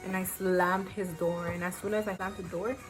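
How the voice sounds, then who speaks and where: A woman's voice: fairly low pitch, little pitch movement, normal speed, low-quality recording. Young woman, storytime vlog, slangy and casual, music under her voice. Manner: casual, slangy, many "like" fillers. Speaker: YouTuber. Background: background music.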